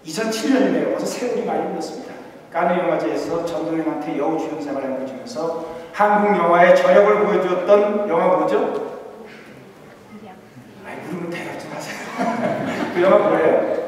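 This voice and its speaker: A male pastor preaching a humorous sermon, quizzing his congregation and swinging between emphatic lines and quiet asides. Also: a little high, a little fast. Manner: humorous, asks the congregation questions. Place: church sanctuary. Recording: echoey church hall, distant mic.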